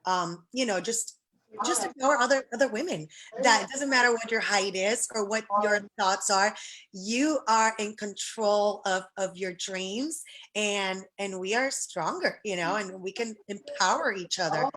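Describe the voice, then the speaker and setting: A woman's voice: medium pitch, a little slow, a bit bright. A middle-aged woman from Puerto Rico, a pageant director, telling her story in a casual interview, earnest and grateful, with many restarts.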